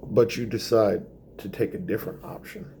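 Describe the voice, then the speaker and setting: A man doing a stand-up comedy monologue in a theatrical way, drawing words out for effect and dropping to hushed asides. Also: fairly low pitch, moderate pace, slight background noise.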